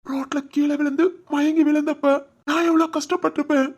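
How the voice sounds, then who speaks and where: A woman's voice: high voice, little pitch movement, brisk, darkish tone. A woman voicing a loving, anxious young husband and father in a cartoon family drama, talking in an emotional, protective way. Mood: tearful.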